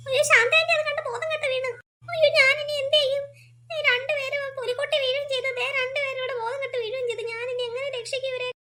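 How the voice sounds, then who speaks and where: A woman voicing excitable young children in a cartoon, with squeaky, breathless exclamations. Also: fast talker. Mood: excited. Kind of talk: cartoon voice acting. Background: music.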